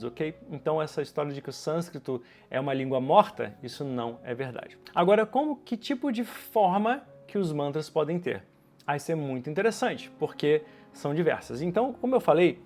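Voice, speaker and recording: Male yoga teacher, slightly high voice, relaxed explanatory lesson, keeps checking in with the listener, soft music underneath. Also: vocal fry. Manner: chatty, asks rhetorical questions and checks in with "ok?".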